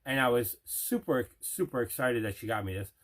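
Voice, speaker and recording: Speaking at a moderate pace, a man with an expressive, medium-pitched, slightly bright voice hosts a collecting unboxing. His chat to camera is casual and excited, with repeated words used for emphasis.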